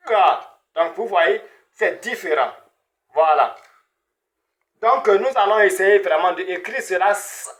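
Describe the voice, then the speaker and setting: Male language teacher, high voice, slow and patient, repeats sounds for beginners. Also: fairly bright tone. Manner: repetitive, drills sounds with frequent "hein?" and "voilà". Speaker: Arabic teacher. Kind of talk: beginner pronunciation lesson.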